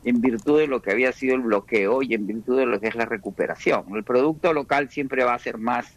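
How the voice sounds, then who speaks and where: This is a man from Peru, guesting as an economist in a radio interview. He speaks at a middle pitch, explaining with measured care and often restarting sentences.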